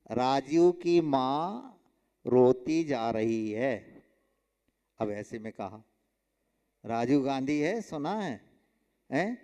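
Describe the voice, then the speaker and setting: A monk teaches his class at a very slow, deliberate pace, stressing each example and asking his students questions. His voice is smooth and resonant and sits a little high for a man. A long reverb from the hall trails after every phrase. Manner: slow, emphatic, drills pronunciation with repeated examples and questions to students. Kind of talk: explanatory religious lesson.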